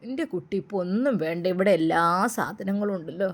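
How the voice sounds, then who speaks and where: A woman voicing an elderly grandmother who gently soothes and reassures in a low, soft voice. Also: expressive, brisk. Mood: soothing. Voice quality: soft, lowered voice. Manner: coaxing, reassuring.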